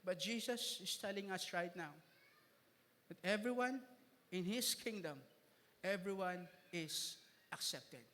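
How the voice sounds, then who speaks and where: A male pastor delivers a sermon, sliding between Tagalog and English and joking with his congregation. His voice sits very high and rings bright and forceful. The sound carries the long reverb of a church hall. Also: slow, pauses often.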